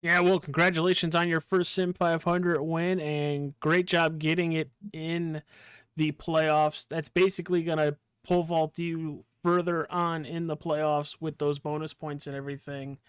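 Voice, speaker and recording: A man's voice: on the high side, level tone, measured pace, smooth, no echo, clean studio sound. A man hosting post-race interviews on a sim racing broadcast, casual and friendly with the drivers. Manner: casual, friendly, calls drivers pal and dude.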